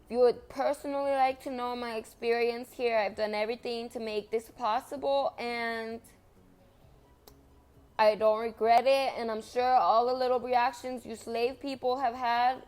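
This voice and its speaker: A young woman whose first language is Spanish delivers an impassioned personal monologue, earnest and repetitive, with emphatic stresses. Her voice is on the high side with a darkish tone.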